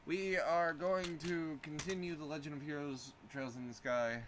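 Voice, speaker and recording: A man's voice: a little high, steady tone, normal speed, fairly bright tone, a little hiss or hum. Joking male game streamer. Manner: loose, joking asides. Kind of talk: live game stream commentary.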